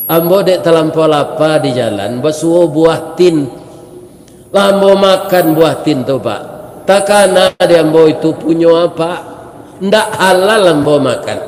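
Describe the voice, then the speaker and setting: A man voicing a humble young male traveler who begs forgiveness, speaking softly and pleadingly with a Minangkabau accent. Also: fairly high pitch. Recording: echoey hall, faint noise.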